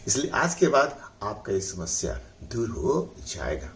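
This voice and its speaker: A middle-aged man with a Bihari accent teaching an English pronunciation lesson, saying words slowly syllable by syllable, repeating them, and often adding "है ना". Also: lowish voice, sing-song, fairly bright tone, slight background noise. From India. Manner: uses the filler "है ना".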